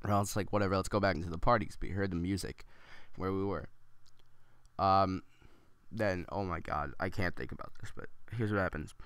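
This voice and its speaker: A man's voice: sits low, fairly even intonation, fairly quick, fairly bright tone, clean tone, no room sound. A man rambling through a story as casual gameplay commentary, with many ums and restarts.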